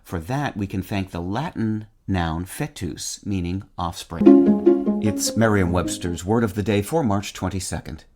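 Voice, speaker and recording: A man hosting a short vocabulary segment, reading a script in a measured, wry and precise way and spelling words out letter by letter. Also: deep voice, over loud music. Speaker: word-of-the-day host.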